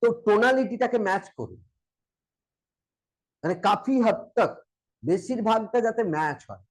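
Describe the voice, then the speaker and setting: Man, Bengali accent, coaching lesson, acts out sample dialogues, somewhat high pitch. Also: animated, unhurried, low-quality recording. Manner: explains with acted example dialogues. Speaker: mental wellness coach.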